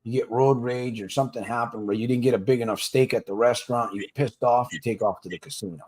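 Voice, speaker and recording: A man's voice: medium pitch, quick pace, darkish tone. A man hosting a casual livestream for gamblers in recovery, plain-spoken and slangy, coaching listeners directly and laughing easily between points. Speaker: podcast host for gamblers in recovery.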